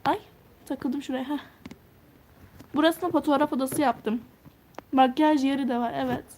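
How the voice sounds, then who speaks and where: Teen girl streamer, high-pitched, casual and chatty, thinks out loud while reading comments. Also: steady tone, moderate pace, slight background noise. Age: teens. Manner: chatty, answers viewer comments one by one; thinks out loud while touring a game house. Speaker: live streamer.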